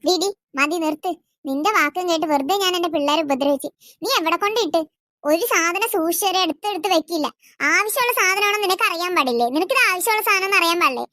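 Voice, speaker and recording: A woman's voice: very high voice, fast, sharp tone, no echo, studio quality. A woman voicing an exasperated mother in a family cartoon who scolds her children. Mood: scolding. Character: scolding harried cartoon mother of several kids.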